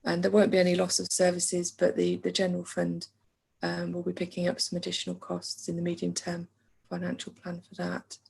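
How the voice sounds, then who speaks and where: A woman with an English accent who is losing her voice, presenting school funding figures to a council meeting over a video call in a measured way with frequent ums. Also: lowish voice, monotone, vocal fry, a little mellow, breathy edge. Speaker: council finance officer.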